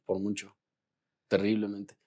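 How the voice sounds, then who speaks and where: A man's voice: on the low side, unhurried. Mexican guy in his 30s, chatty and slangy, acts out what he was thinking. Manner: animated, slangy, acts out his own thoughts. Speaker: actor and guest. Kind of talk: casual interview chat.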